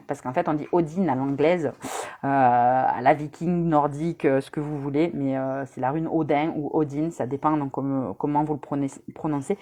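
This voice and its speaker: A woman with a fairly low voice gives a casual rune reading on a live stream. She is chatty and teasing and speaks straight to her viewers. She pauses often on hesitant fillers. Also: a little mellow. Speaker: rune reader.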